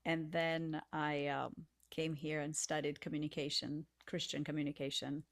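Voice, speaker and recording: A Romanian woman hosts a podcast interview, chatting conversationally, asking leading questions and sharing her own story. Her deep voice has vocal fry, a level tone and normal speed.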